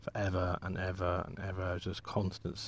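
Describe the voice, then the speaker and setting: Deep-voiced man rambling on a walk. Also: monotone, a little hiss or hum. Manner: rambling, halting, many restarts and trailing thoughts. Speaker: walking vlogger and artist. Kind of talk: casual rambling monologue.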